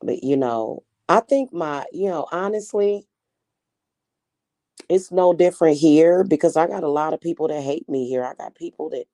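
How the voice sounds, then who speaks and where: This livestream host, a woman in her forties from Kansas City, Missouri, has a deep, mellow, warm voice with a Midwestern accent and talks at a normal speed. She reads chat and answers viewers directly, rambling in a loose, slangy, outspoken way. The audio is dry and close, with little room reverb.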